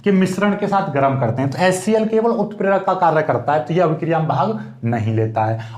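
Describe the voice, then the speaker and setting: A man's voice: a little high, a little mellow, roomy sound. A man teaching chemistry, explaining each step and asking questions to his students. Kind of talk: board exam lecture.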